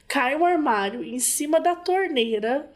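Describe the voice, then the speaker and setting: Brazilian woman host, gossipy and giggly, fairly high voice. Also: expressive, measured pace. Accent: Brazilian Portuguese. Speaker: podcast host. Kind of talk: casual chat.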